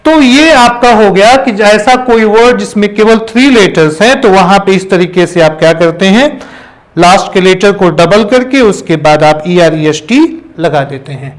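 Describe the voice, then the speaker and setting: A man with a high voice explains grammar as a teacher. He moves between Hindi and English and spells words out letter by letter. He keeps checking in with "okay" as he goes. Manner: repeats phrases and says "okay" often. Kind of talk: classroom-style explanation.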